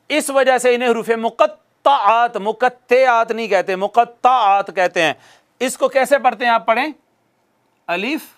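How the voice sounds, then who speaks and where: High-voiced man teaching a recitation class. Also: fairly bright tone. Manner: repeats definitions slowly for dictation, asks and answers own questions. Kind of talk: classroom lesson with repetition and questions.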